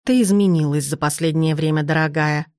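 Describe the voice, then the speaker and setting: A woman voicing an elderly duchess grandmother, imperious and sharp-tongued, who talks in slow, commanding, clipped phrases. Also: fairly low pitch, dry recording, clean studio sound, close to an everyday voice. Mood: tender.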